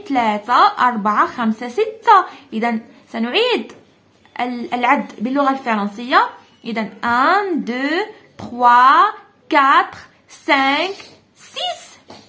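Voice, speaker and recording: Animated woman teacher, high voice. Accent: Algerian Arabic. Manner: slow deliberate French, quicker Arabic explanation. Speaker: primary school teacher. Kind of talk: explaining a French textbook exercise to pupils.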